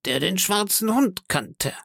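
A man reading an audiobook, voicing an old weathered male sailor with a surly, drawn-out way of talking. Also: high-pitched, lively intonation, vocal fry, fairly bright tone, no echo, studio quality, pitched above the performer's own voice, heavily acted. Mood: accusing.

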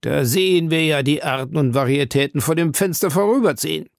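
A man reading an audiobook, voicing a blunt, hearty harpooner with a gravelly voice. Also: fairly high pitch, brisk, no echo, clean studio sound, pitched above the performer's own voice. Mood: gruff. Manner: blunt, impatient retorts. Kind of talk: audiobook character voice.

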